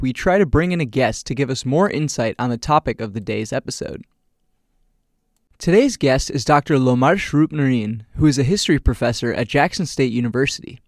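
A man's voice: mid-range voice, no echo. Man reading a script, dry close sound. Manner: reads a prepared script evenly. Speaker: podcast host. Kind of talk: scripted narration.

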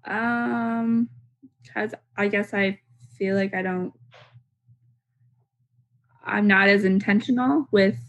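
A woman's voice: medium pitch, steady tone, fairly bright tone, highs cut off. A woman speaking hesitantly over a video call with an unstable connection that keeps breaking up. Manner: hesitant, halting, many fillers. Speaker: coaching client. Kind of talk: coaching session on a video call.

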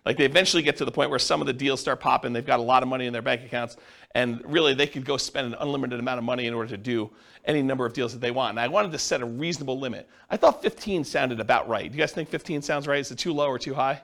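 A man's voice: mid-range voice, very fast, gravelly, a bit bright. A man teaching a class, explaining step by step and asking the class questions. He says he is losing his voice. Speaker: real estate instructor.

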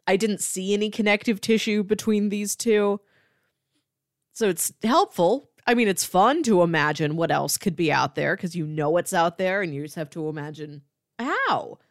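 Animated and conversational, a podcast co-host chats casually with a medium-pitched voice at a normal pace. Her recording is clean studio sound with no room tone.

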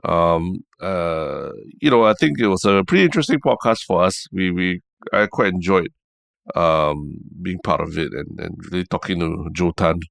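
A man's voice: low voice, expressive, normal speed, gravelly, a bit bright, dry recording, studio quality. A man with a Singaporean accent chatting casually as co-host of a podcast. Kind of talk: casual chat.

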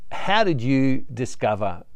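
A man's voice: mid-range voice, big pitch swings, a little slow, dry recording, lo-fi sound. A middle-aged man hosting a devotional show, talking earnestly and leading a spoken prayer, often restarting his phrases. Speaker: ministry host. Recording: soft music underneath.

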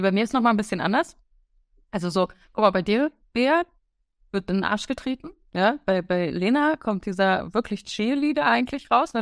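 A woman's voice: mid-range voice, no echo, clean studio sound. A woman co-hosting a casual podcast chat, thinking aloud and searching for words with many fillers. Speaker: podcast co-host.

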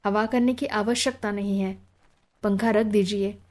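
A woman reading the lines of an earnest, polite young man in an audiobook, in formal, measured speech. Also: mid-range voice, steady tone, a little mellow, close to an everyday voice. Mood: courteous.

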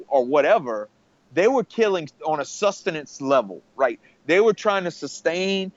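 A man's voice: fairly high pitch, no room sound, dull audio. A man talking casually on a podcast, rambling with many restarts and fillers. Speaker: podcast guest. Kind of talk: casual conversation.

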